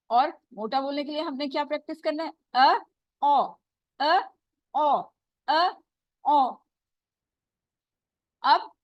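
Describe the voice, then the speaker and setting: A woman teaching Quran recitation in an online class, patiently repeating sounds slowly for her students. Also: high voice, dry recording, muffled recording.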